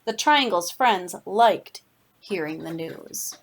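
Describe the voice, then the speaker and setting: A woman reading a children's storybook aloud as a teacher would, with emphatic, drawn-out phrasing for young listeners. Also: on the low side, expressive. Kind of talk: expressive children's read-aloud.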